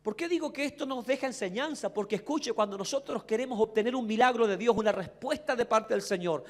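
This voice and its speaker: A pastor with a very high voice delivers a fervent sermon. He moves from near-whispered pleading to full shouts, and acts out the voices of the people in his story. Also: fast talker. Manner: fervent preaching, swings from hushed to shouting; acts out quoted voices of the crowd.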